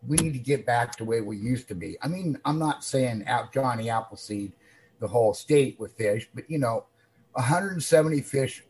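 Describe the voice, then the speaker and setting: A man giving a public comment at a meeting, upset and halting, repeating words as he speaks over a remote call. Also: mid-range voice, darkish tone, low-quality recording. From Washington State.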